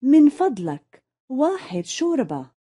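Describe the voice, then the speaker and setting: A woman, carefully repeating lesson phrases one by one in a clear, scripted way. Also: high-pitched, very animated, measured pace, dark tone. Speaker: language lesson speaker.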